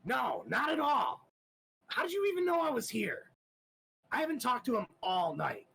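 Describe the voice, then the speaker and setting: A man's voice: high-pitched, big pitch swings, moderate pace, creaky, sharp tone, voice pushed up, full character voice, rough recording. A man voicing a panicked male shadow spirit who protests frantically.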